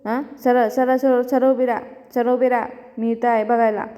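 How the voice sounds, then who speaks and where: A woman's voice: fairly high pitch, little pitch movement, moderate pace, mellow, close to an everyday voice. A woman voicing a stern, commanding mother-in-law, in an echoey room.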